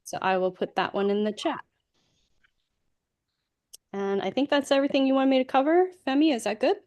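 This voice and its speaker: A woman's voice: high voice, brisk, a little mellow, dull audio. A woman explaining in a webinar how to enter data through a website. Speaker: guest presenter. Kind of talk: explaining a web tool in a webinar.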